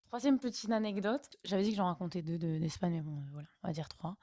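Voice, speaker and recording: A young woman from northern France, a vlogger, casually tells travel stories full of chatty, laughing asides. Her voice is lowish and expressive, she talks quickly, and there is background noise.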